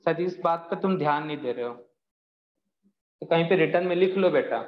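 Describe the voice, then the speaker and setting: A man's voice: a little high, normal speed. A man teaching a chemistry class, patient and explaining step by step while answering students' doubts. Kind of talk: live online class. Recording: echoey, dull lo-fi sound.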